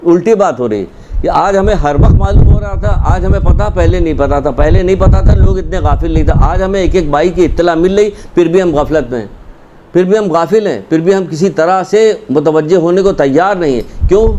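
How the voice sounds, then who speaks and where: Man preaching on a noisy lo-fi recording. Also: fairly high pitch. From Pakistan. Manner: exhortative, asks rhetorical questions. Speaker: religious speaker. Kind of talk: sermon. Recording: dull lo-fi recording with clear noise.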